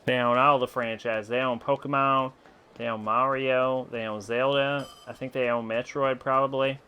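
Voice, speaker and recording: A man's voice: mid-range voice, little pitch movement, normal speed, sharp tone, clear, resonant tone. A drunk man with a mixed Californian and Southern American accent, rambling bluntly and profanely as he casually commentates on a game stream. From United States. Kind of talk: casual livestream gameplay commentary.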